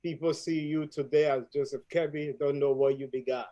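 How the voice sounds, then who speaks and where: A man's voice: fairly high pitch, steady tone, fairly quick, mellow, low-quality recording. Formal male host of a live stream. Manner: formal, welcoming, long run-on questions. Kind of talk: live-streamed talk show hosting.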